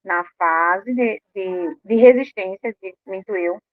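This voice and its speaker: A woman talks informally to a live audience, animated and slipping into little acted voices. Her voice comes through thin and phone-like, with a dry sound and no room echo. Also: medium pitch, takes it slowly. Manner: animated, acts out quoted inner voices. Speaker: speaker on emotional health.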